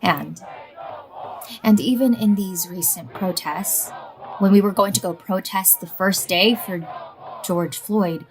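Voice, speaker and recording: A woman's voice: mid-range voice, takes it slowly. A young American woman activist speaking firmly and forthrightly about her experiences. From USA. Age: young adult. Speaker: youth activist. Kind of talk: personal testimony interview. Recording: faint crowd and noise behind.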